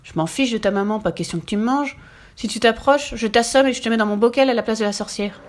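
A woman's voice: fairly high pitch, quick pace, lightly acted. A woman voicing a bossy, fierce little princess girl in a storybook reading, scolding and indignant.

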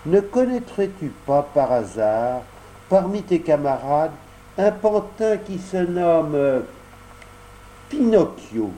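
Kindly big pigeon in a storybook, read by a man; gentle, slow, mellow. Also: fairly high pitch, big pitch swings, slight background noise, low-quality recording. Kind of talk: audiobook character voice.

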